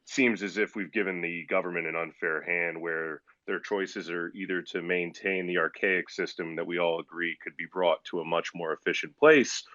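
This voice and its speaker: A very deep-voiced man with a sharp, bright tone asks his question politely and articulately, stumbling now and then. He comes through a dull, dry, lo-fi line. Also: no room sound. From United States. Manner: polite, articulate, slightly hesitant. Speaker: listener joining with a question. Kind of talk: casual discussion.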